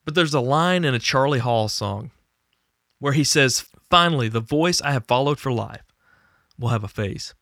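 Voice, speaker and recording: A man's voice: mid-range voice, lively intonation, normal speed, fairly bright tone, no echo, clean studio sound. A man who hosts a faith podcast and was once a pastor, speaking in an earnest, conversational monologue with small restarts. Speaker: podcast host and former pastor.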